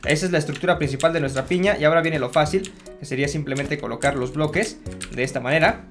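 A man's voice: a little high, quick pace, faint music behind. A man giving casual commentary while building in a game, chatty and self-mocking, talking straight to his viewers. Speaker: Minecraft gamer.

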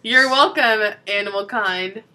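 A woman's voice: mid-range voice, a little slow, bright, forceful tone. A young woman co-hosting a let's play, chatting casually, giggling and reading game text aloud in a playful way. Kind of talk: casual gameplay chat.

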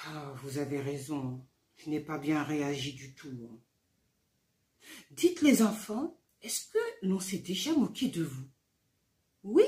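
A woman hosting a children's puppet show, speaking gently and directly to the children. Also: lowish voice. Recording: roomy echo.

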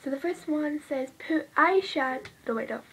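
A young-sounding woman with a high, light voice chats her way through a casual home vlog. She rambles and mutters little asides to herself. A TV murmurs faintly in the background of her bedroom. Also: fast talker, darkish tone, a little hiss or hum. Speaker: vlogger. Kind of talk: casual chat while doing makeup. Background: TV playing in the background.

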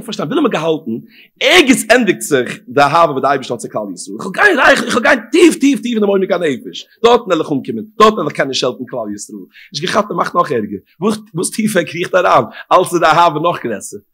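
A male rabbi giving a Torah lecture, chanting scripture verses in a rising sing-song and swinging from hushed murmurs to emphatic outbursts. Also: a little high, big pitch swings, brisk, slightly rough.

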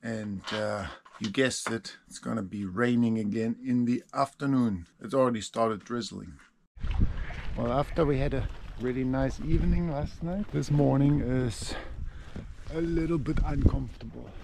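Gravelly man vlogging by a lake. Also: medium pitch, normal speed, a little hiss or hum. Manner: relaxed, chatty, unsure asides. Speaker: fishing vlogger. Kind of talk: casual vlog narration. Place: outdoors by a lake and in a camper van.

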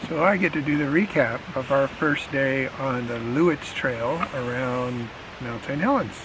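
A man's voice: medium pitch, a little slow. Man recapping a hike outdoors. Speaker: backpacker recapping the day. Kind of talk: casual chat. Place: outdoor campsite on a mountain. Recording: outdoor hiss and stream noise.

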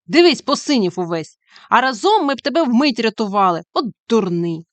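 A woman reading a storybook, voicing a young village boy who loudly scolds his friend in quick bursts. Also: a little high, big pitch swings, dry recording. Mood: scolding. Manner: shouting reproaches in quick bursts.

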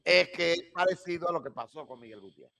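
A man, a guest crime analyst speaking deliberately and emphatically into a studio microphone in a home office. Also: on the high side, lively intonation, gravelly, pushed and bright. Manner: deliberate, emphatic, gestures while explaining. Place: home office with shelves and flags. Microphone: studio mic on boom arm.

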